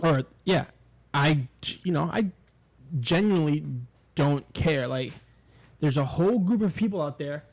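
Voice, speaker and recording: A New York man, a native English speaker, co-hosts a podcast in casual chat, rambling and opinionated, with swearing and restarts. His voice is a little high and darkish, with lively intonation and a slightly slow pace.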